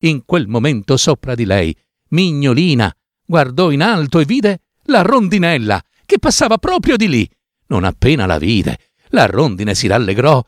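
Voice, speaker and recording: Male storybook narrator, expressive and lingering, dry studio sound. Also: medium pitch, normal speed, no room sound. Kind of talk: storybook reading.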